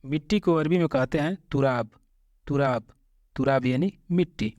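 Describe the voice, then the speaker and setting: A man teaching vocabulary, slowly repeating each word and patiently explaining common mistakes. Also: mid-range voice, darkish tone, no echo, muffled recording. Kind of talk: Hindi-language vocabulary lesson.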